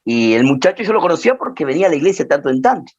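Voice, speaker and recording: A man with a Rioplatense Spanish accent, a pastor preaching a teaching sermon and telling stories in animated fashion. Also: a little high, very fast, highs cut off. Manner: animated storyteller, voices the people in his stories.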